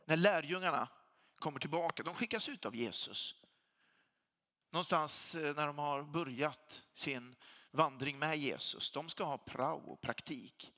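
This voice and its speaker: A man delivers a sermon with a bright, slightly raised voice that rises and falls in wide, animated swings. His tone is a little husky, and he leans on repetition to drive points home. The sound carries a long hall reverb, as in a church. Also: on the high side. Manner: emphatic preacher, repeats phrases for weight. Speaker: pastor.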